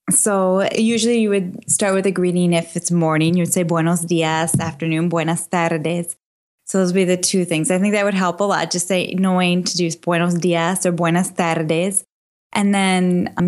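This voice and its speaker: A woman physician answering interview questions in a relaxed way, slowly spelling out phrases and laughing often. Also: on the low side. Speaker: physician guest.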